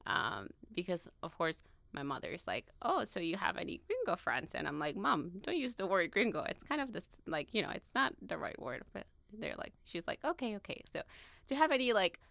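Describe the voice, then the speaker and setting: A woman's voice: fairly low pitch, big pitch swings, fairly quick, creaky, a bit bright, no echo, studio quality. A young woman from Peru, a student being interviewed, talking casually with lots of fillers and laughter. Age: young adult. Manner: chatty, many fillers, laughs often.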